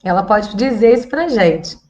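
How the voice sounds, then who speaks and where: A woman's voice: medium pitch, animated, normal speed, darkish tone, dull audio. A Brazilian woman psychologist giving parenting advice in a casual, chatty way, often checking in with the viewers. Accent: Brazilian Portuguese. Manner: chatty, tags sentences with "tá?" and "gente". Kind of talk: casual educational talk to viewers.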